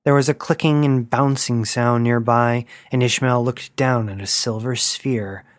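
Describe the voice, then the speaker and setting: A man narrating a science-fiction story in a steady, even reading voice. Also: medium pitch, unhurried, dry recording, studio quality.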